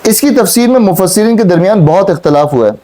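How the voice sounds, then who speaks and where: A man's voice: high voice, animated, fast talker, warm tone. A man teaching a Quran class, explaining verses and questioning his students, repeating key points. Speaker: Islamic teacher.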